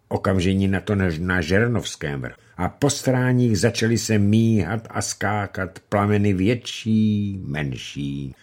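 A man narrating a classic novel as an audiobook, reading expressively with pitch that rises and falls. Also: breathy edge.

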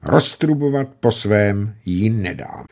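A man reading the part of a stern, pious old farmer father who speaks firmly and gravely. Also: lowish voice, animated, a little mellow. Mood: emphatic. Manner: firm, grave and emphatic.

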